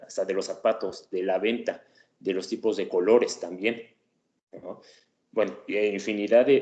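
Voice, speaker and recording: In a reverberant, echoey room, a man teaching a class explains a topic in education. His low, slightly mellow voice stays conversational, sprinkled with fillers and quick tag questions that check whether everyone is keeping up.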